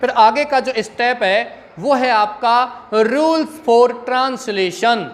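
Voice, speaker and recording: A man gives a slow, unhurried English lesson, pausing over each point and quizzing his students with repeated questions. His voice rings with a long echo, as if he is recording in a bare hall. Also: very high voice. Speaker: English teacher.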